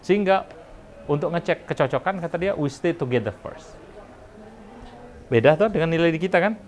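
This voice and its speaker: A man's voice: on the high side, animated, moderate pace. A middle-aged man giving a chatty university lecture, slipping in English phrases and laughing at his own jokes. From Indonesia. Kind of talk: classroom lecture.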